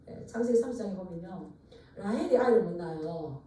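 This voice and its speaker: A woman's voice: lowish voice, expressive, a little fast, mellow. Woman preaching in an echoing church. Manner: earnest preaching with call-and-response repetition. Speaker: pastor. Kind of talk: sermon. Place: church sanctuary. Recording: echoey church from far off.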